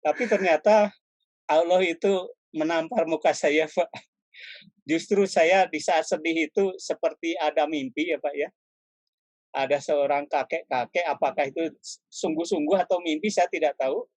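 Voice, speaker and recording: A man's voice: fairly high pitch, normal speed, a little mellow, dry recording. A middle-aged man, a painter and art lecturer, telling stories from his life in a casual interview, laughing often and calling his listener "Pak" every few words. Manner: addresses the listener as "Pak" constantly, with frequent apologies.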